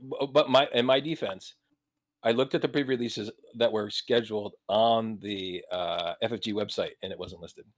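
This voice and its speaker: A man co-hosting a casual gaming podcast, talking in quick bursts and restarting his sentences as he goes. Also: on the low side, steady tone, no room sound, studio quality. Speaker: podcast co-host.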